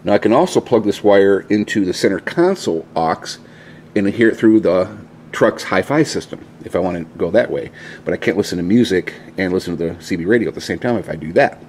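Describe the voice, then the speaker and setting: Speaking a little fast, this man has a low, darkish voice with lively intonation, and there's a little hiss or hum. He's a DIY vlog host in his home garage by a pickup truck, holding the camera himself while walking through steps informally and a bit saltily.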